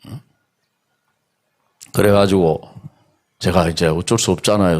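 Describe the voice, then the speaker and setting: A middle-aged man preaching a sermon at an outdoor church service, telling his story with animated swings between hushed asides and raised emphasis. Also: low voice, vocal fry. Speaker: pastor.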